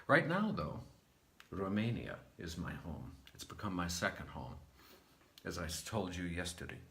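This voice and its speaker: A man from New England with a lowish voice speaks straight to his viewers in a measured spiritual monologue. He takes his time and leans on key words. He rises to bright, louder bursts, then drops to quiet, near-murmured stretches. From New England, United States. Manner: slow, deliberate and reflective, with swings from lively to hushed. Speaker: vlogger.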